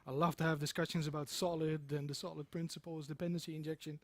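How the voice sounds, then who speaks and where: A middle-aged man, a software developer, delivers a casual conference talk to a seated audience in an indoor meeting room. He speaks quickly in a fairly high, flat voice, yet stays emphatic, repeating phrases for stress. The recording has no echo.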